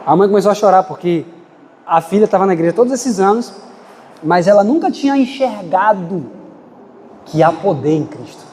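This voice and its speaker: High-pitched impassioned male preacher. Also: expressive, normal speed, long pauses, a little mellow, long reverb tail, slight background noise. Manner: impassioned, dramatic swings in pitch and pace. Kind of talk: sermon. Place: church.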